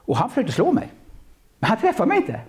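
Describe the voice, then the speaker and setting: Animated pastor, lively voice. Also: male voice, sits high. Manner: animated storytelling with many restarts. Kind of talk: sermon.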